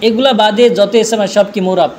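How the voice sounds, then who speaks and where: Male teacher, very high voice, drills by question and answer, faint background noise. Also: fairly even intonation, moderate pace, a little mellow. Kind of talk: classroom grammar lesson.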